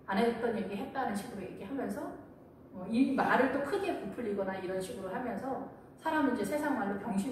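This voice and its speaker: A woman pastor preaching a sermon, telling stories in an animated way and acting out the quotes. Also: on the high side, a little hiss or hum. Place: church sanctuary. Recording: echoey church hall from far off.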